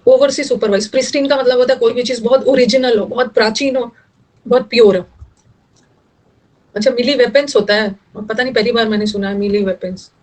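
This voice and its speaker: A woman's voice: fairly high pitch, fairly even intonation, a little fast, rough recording. A young woman teaching English vocabulary in Hindi, explaining word meanings and teasing her students a little. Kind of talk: online vocabulary lesson.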